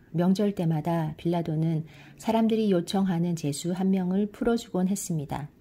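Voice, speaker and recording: A middle-aged woman giving a calm, measured scripture reading, with quoted lines read slightly louder. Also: lowish voice. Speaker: Bible reader.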